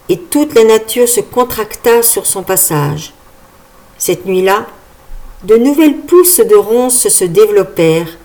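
A woman reading a French-language horror story aloud in a steady, measured storytelling voice. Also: mid-range voice. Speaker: narrator.

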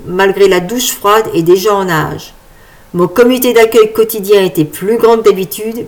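A woman narrates a first-person novel as an audiobook, with lively, wry storytelling. Her voice sits at an ordinary middle pitch.

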